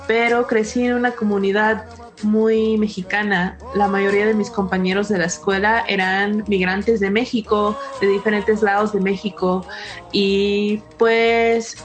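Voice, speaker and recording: A woman's voice: mid-range voice, little pitch movement, unhurried, faint music behind. A young woman from California, a documentary filmmaker, giving a thoughtful personal testimony in an interview. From California, United States.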